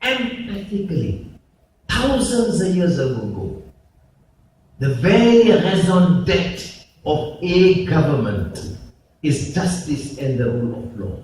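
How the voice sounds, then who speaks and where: A man from Malaysia, giving an emphatic public speech with pauses at a conference. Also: fairly high pitch, very animated, darkish tone. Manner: slow, emphatic oratory with pauses. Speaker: conference speaker, politician. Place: large conference hall. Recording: echoey hall, distant mic, faint noise.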